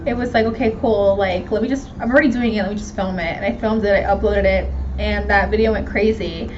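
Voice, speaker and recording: She has a medium-pitched, darkish voice and speaks fairly quickly: a twenty-nine-year-old American-accented woman from Miami, Florida, hosting a question-and-answer vlog. Answering viewers, she sounds casual, candid, slangy and self-mocking, and the recording is dull and lo-fi with noise behind her.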